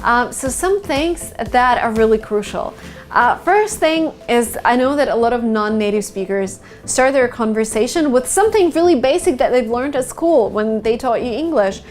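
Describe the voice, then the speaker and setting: A woman's voice: a little high, expressive, normal speed. A woman in her late twenties from Russia, a native Russian speaker, giving a chatty English lesson to camera with many fillers and little stories. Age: 20s. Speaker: English teacher.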